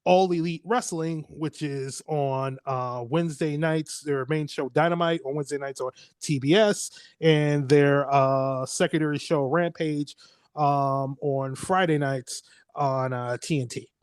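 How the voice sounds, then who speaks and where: A man's voice: fairly high pitch, steady tone, measured pace, clear, resonant tone, no room sound. A man, hosting a casual podcast chat, rambling, laughing often and swearing freely. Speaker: podcast host.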